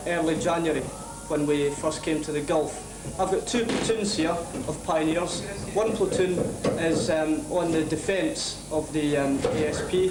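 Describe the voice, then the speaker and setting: Higher-voiced officer, echoey room. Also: male voice, recorded from a distance. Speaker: army lieutenant. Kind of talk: informal briefing to camera. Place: inside a newly built command post. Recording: roomy, echoing location sound.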